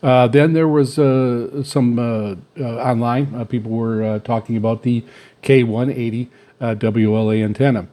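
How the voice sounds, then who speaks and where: A shortwave radio hobbyist reviews antennas in unscripted, casual product talk. His soft, dark voice is medium in pitch with fairly even intonation, and he rambles hesitantly, halting often with very frequent "uh" fillers.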